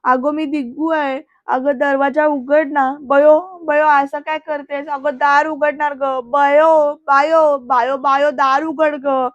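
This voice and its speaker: A doting uncle begs and weeps in loud, drawn-out calls, as a woman puts him on. The voice sits high and stays level in tone. The recording is dry and a little dull. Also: level tone, no echo. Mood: pleading, tearful. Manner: loud, pleading, slow and drawn-out. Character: tearful doting male uncle, pleading.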